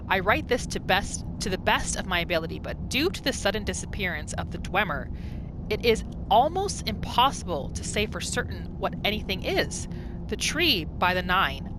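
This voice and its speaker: A woman with a medium-pitched voice hosts a gaming video, talking to herself as she plays and adding casual role-play commentary. She is excitable and exclaims often. Game music plays over a noisy background.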